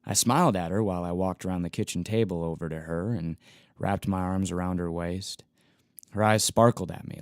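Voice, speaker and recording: A man narrating his own first-person love story in an earnest, gentle way, with small stumbles and soft chuckles. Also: deep voice, dry recording, studio quality.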